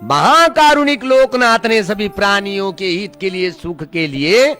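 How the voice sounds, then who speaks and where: A man's voice: sits high, animated, a little slow, sharp tone, faint music behind. A man teaching Pali pronunciation in Hindi, carefully chanting verses and explaining how each word should be read.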